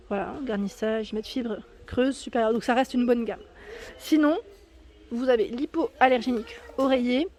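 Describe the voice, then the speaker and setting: A woman's voice: fairly high pitch, warm tone. A woman filming a casual walkthrough of a store, reading out prices, sizes and labels with small fillers and self-corrections. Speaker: shopping vlogger. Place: inside a large discount store.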